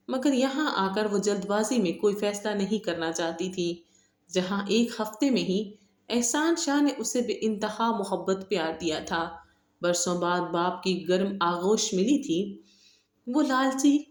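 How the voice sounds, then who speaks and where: A woman narrating a romance novel as an audiobook, with steady, dramatic storytelling. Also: medium pitch. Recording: echoey room.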